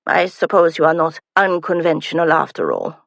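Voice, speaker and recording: A woman's voice: low voice, sing-song, moderate pace, gravelly, fairly bright tone, no room sound, exaggerated voice. A woman voicing a grinning, needling man newly arrived in England, teasing and wry, in an audiobook.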